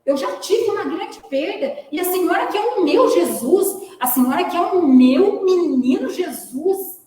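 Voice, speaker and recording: A woman's voice: high voice, measured pace, darkish tone. A woman doing a sorrowful widowed father. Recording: echoey hall from far off.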